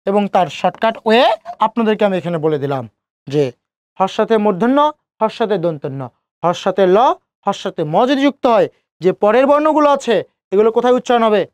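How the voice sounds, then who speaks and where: A male teacher giving an exam-prep lecture, repeating key points slowly and asking questions that he answers himself. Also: high voice, lively intonation, darkish tone, no echo. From Bangladesh. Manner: asks students rhetorical questions and answers them himself.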